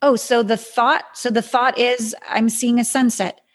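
A higher-voiced woman leads a guided healing exercise. Her tone is airy and husky with breath, and she speaks like a mystical healer, giving soothing, chant-like prompts between conversational explanations. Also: flat delivery, a little slow. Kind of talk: guided meditation coaching, conversational.

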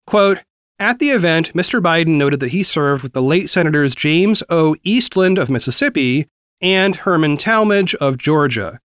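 A man's voice: fairly high pitch, a bit bright, smooth, no room sound, studio quality. Earnest male news podcast host. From American South. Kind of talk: news commentary.

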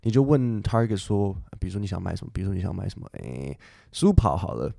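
A man hosting a casual podcast lesson. He chats in a relaxed way, thinks aloud with fillers and restarts, and reads English text slowly and carefully. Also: low voice, gravelly, dry recording, studio quality. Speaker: English teacher podcast host.

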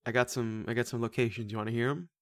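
A man hosting a casual movie podcast, joking around with goofy, animated bursts. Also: medium pitch, very fast, no echo, studio quality. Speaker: podcast host.

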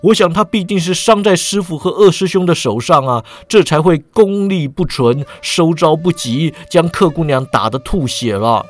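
A man's voice: fairly high pitch, lively intonation, normal speed, few pauses. A male storyteller reading a serialized martial-arts novel in a leisurely way, drawing out his sentence-final particles.

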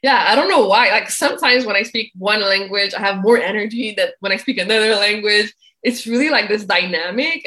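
A woman with a medium-pitched, bright, forceful voice co-hosts a business livestream over a video call, with poor audio quality. She chats casually, bubbly and laughing often, and uses "like" and "really" a lot.

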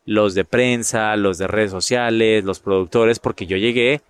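A middle-aged man from Monterrey with a northern Mexican accent, telling stories in a casual interview, animated and often repeating words while he finds them. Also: on the low side, measured pace, clear, resonant tone. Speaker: actor and guest.

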